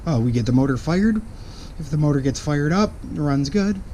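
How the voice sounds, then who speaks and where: A man with a hoarse voice that is partly lost, talking casually to camera in a rambling, apologetic way about a car project. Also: a little high, lively intonation, moderate pace, mellow. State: hoarse, losing his voice. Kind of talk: casual vlog talk to camera. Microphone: camera-mounted microphone. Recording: noisy ambient camera microphone recording.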